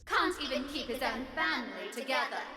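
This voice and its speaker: A woman's voice: high voice, a little fast, bright, forceful tone. A woman voicing a cruel, gloating monster that taunts a detective with sneering, mocking words in a voiced game. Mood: taunting. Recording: echoey with a long hall reverb over music.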